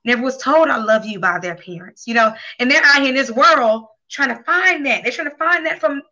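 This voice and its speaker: Bright high woman, rambling talk-show co-host. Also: lively intonation, a little fast. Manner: rambling, heavy on filler phrases, earnest and emotional. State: near tears. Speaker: co-host and sex coach. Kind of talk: casual talk show chat. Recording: dull lo-fi sound.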